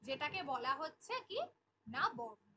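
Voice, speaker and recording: High-voiced woman teaching, repeating definitions. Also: animated, normal speed, bright, forceful tone, a little hiss or hum, poor audio. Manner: repeats key definitions, asks questions to the class. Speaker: Bengali teacher. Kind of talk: online exam-prep class.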